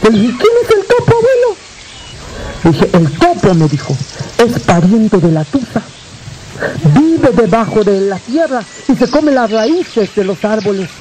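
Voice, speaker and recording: A man with a Mexican accent telling a folk tale to a live audience, with dramatic drawn-out repetitions and joking asides. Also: sits high, big pitch swings, background noise. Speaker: storyteller. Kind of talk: live oral storytelling.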